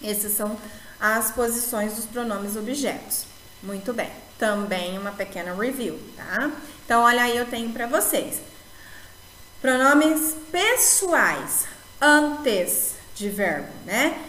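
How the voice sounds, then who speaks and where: A Brazilian woman with a bright, fairly high voice teaches a recorded English lesson, patiently repeating each point and checking in with her students. The sound is roomy and echoey. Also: lively intonation, a little hiss or hum. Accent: Brazilian Portuguese. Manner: explains slowly, repeats points, ends phrases with "tá?".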